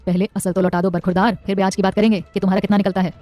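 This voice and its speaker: A woman voicing an older male moneylender who talks in a measured, wry way. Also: medium pitch, level tone, dark tone, no room sound, faint music behind, close to an everyday voice.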